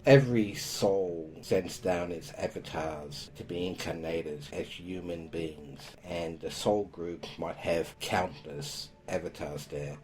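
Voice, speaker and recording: A man hosting a podcast, explaining spiritual topics in a calm, casual way. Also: sits low, takes it slowly, hardly any pauses. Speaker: podcast host.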